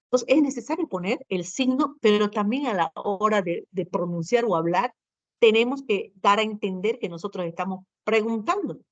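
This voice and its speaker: A woman's voice: mid-range voice, animated, normal speed, no echo, dull audio. A woman teacher giving a grammar lesson to students, explaining step by step, often adding tag questions and fillers.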